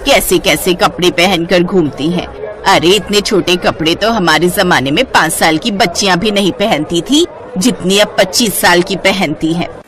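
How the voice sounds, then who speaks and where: In a family cartoon, a woman voices an old-fashioned mother-in-law who nags and disapproves, scolding indignantly. Her voice is on the low side and lightly acted, at a moderate pace, with music in the background.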